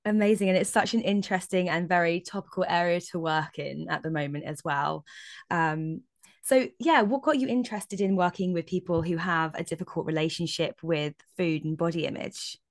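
A woman's voice: fairly low pitch, moderate pace, no room sound, studio quality. A woman interviewing a guest casually as a podcast host.

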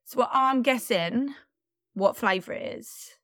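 A woman's voice: a little high, lively intonation, a little slow, fairly bright tone, no echo, studio quality. Bunged-up woman, giggly chat. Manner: chatty, giggly, self-deprecating. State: bunged-up nose. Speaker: podcast co-host. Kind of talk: casual chat.

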